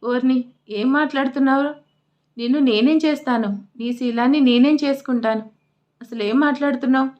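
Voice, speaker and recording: A woman voicing a sharp-tongued, bossy old grandmother who scolds coarsely in an audio story. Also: high voice, fairly even intonation, highs cut off, lightly acted. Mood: scolding. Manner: scolding, coarse, quick retorts.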